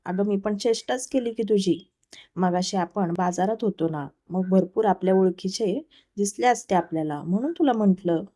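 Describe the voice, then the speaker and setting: A woman's voice: mid-range voice, normal speed, mellow, natural voice. A woman voicing a playful, teasing young husband in a spoken love story. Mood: coaxing. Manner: teasing, then scolding.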